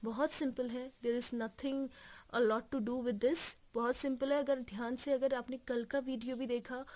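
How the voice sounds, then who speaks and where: An Indian-accented woman gives an online English grammar lesson. Her voice sits a little high, and she talks steadily, checking in with her students often. She slows right down for each English example sentence. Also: steady tone, darkish tone. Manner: patient, repeats rules and checks in with "ठीक है". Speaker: English teacher.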